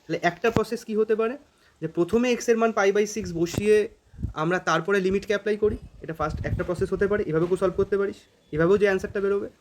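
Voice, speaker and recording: A man with a high voice teaches calculus rapid-fire in a laid-back, informal lesson, talking through problems as he works them out. There's slight background noise.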